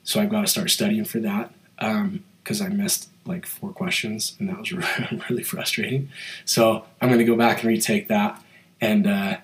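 A man hosts a podcast on his own, and his fairly low voice has a nasal tone from a cold. He speaks in a motivational, pep-talk way and often fills pauses with "like" and "um". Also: flat delivery, low-quality recording. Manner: motivational, with many fillers like "like" and "um". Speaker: podcast host. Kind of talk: solo podcast monologue.

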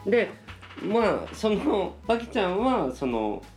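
A podcast co-host in casual chat, explaining haltingly with many fillers. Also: medium pitch, big pitch swings, darkish tone, faint music behind.

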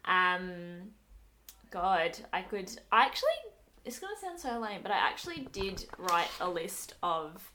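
A young woman co-hosting a podcast, talking thoughtfully with many pauses and fillers. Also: fairly low pitch, very animated, pushed and bright. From Australia. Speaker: podcast co-host. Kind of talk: casual podcast conversation.

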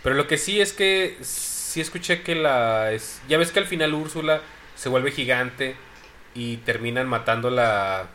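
A Mexican man with a bright, forward voice jokes and pokes at his co-hosts in slangy chat. His tone is teasing and quick to question. A faint hiss runs underneath. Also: mid-range voice, expressive. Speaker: podcast co-host. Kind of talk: casual chat.

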